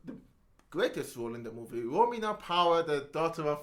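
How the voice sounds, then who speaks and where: A man's voice: a little high, big pitch swings, brisk, fairly bright tone. A man co-hosting a film podcast, talking casually and animatedly, with frequent laughs and swearing. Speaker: podcast co-host.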